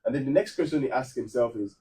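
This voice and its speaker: A man hosting a radio talk show in a playful, animated way. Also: medium pitch, fast. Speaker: radio host.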